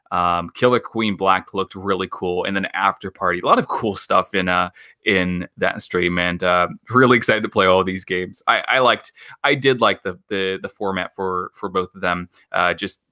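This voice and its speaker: A man talking as a podcast guest in casual chat, pausing often with ums and uhs. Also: low-pitched, sharp tone, clean tone, dry recording, studio quality. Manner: hesitant, many ums and uhs.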